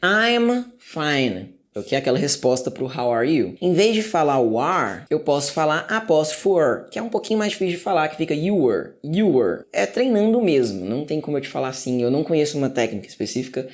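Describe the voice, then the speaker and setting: A man from Brazil teaching an English grammar lesson in a casual classroom style. He talks to the viewers, says key words slowly and often checks in with "ok?". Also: on the high side, expressive, darkish tone. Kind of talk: casual classroom explanation at a whiteboard.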